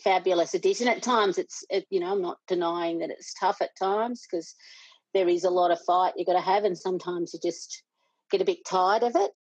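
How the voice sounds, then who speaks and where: A middle-aged Australian woman, a parent and board member, speaks earnestly in a conversational interview, restarting her sentences often. Her voice sits on the low side and moves briskly. The recording is dry and the audio dull.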